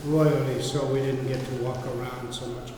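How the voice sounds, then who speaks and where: A man's voice: medium pitch, little pitch movement, normal speed, dark tone. A man from Canada, a tourist chatting casually in a friendly, rambling way. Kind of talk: casual chat. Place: large echoey church. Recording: very echoey hall, audible noise.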